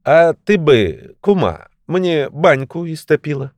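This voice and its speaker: A man voicing a simple, hapless old peasant from a fairy tale, who exclaims in a slow, drawn-out way. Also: fairly high pitch, big pitch swings, a little mellow, no room sound, studio quality, pitched above the performer's own voice. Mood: pleading.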